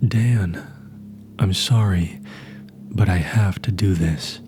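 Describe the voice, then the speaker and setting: A man voicing a young man who has turned cold and menacing toward his old friend, speaking flatly and sharply in a horror story. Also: on the low side, unhurried, over music, pitched above the performer's own voice, close to an everyday voice. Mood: hushed regret.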